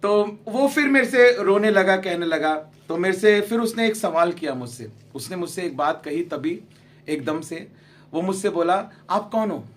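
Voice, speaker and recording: A man preaching a sermon in Punjab Hindi, telling a personal story and acting out the dialogue, dropping to hushed tones at emotional moments. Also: sits high, lively intonation, moderate pace. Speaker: pastor. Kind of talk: sermon testimony. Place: large prayer gathering.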